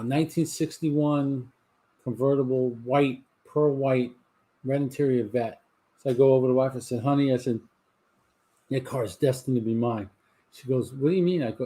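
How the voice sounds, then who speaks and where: A man's voice: mid-range voice, mellow. A man, hosting a live cigar talk show from his garage and telling rambling stories with lots of restarts. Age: 60s. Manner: rambling storyteller with frequent restarts. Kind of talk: casual chat to a live audience. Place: home garage.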